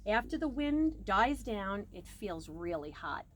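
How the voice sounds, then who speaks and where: In a medium-pitched voice and at a slow pace, a woman reads a picture book for children with lots of expression, leaning on key words and moving between loud and soft. There's clear background noise in the recording.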